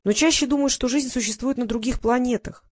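A reader voicing Vasilisa, a curious, spirited girl who talks quickly and can be stubborn. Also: mid-range voice, no room sound, clean studio sound, pitched above the performer's own voice, close to an everyday voice.

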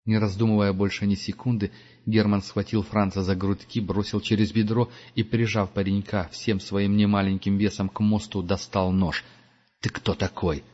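A man reads a story aloud in a measured, steady way, his voice sitting fairly low. The recording sounds dull and lo-fi. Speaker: audiobook narrator. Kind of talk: scripted narration.

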